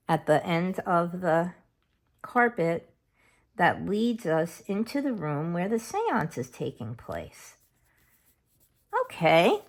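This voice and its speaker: A woman narrating a casual paper craft tutorial at her worktable, chatty and thinking aloud as she goes. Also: medium pitch. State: has hiccups.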